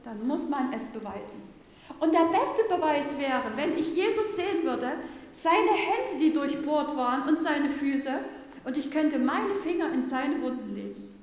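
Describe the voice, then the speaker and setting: A woman's voice: high-pitched, animated, measured pace. A woman preacher playing the doubting apostle Thomas, telling his story in the first person and speaking directly to the congregation. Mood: earnest storytelling. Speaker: preacher in a church service. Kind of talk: first-person role-play sermon. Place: large church. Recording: echoey church hall, faint noise.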